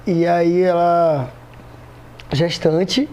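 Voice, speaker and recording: A young man in his twenties, a bit hoarse today, telling stories in an animated way as a podcast guest. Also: a little high, drawn-out words. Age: 20s. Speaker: guest, photographer. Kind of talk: casual podcast storytelling.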